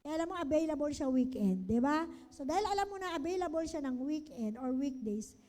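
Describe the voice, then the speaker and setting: A woman with a Filipino accent, lecturing a seminar on business approaches, lively and always checking in with the audience. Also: sits high, a little fast. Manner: lively, keeps asking the audience "di ba?" and "okay?". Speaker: business trainer. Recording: long hall reverb.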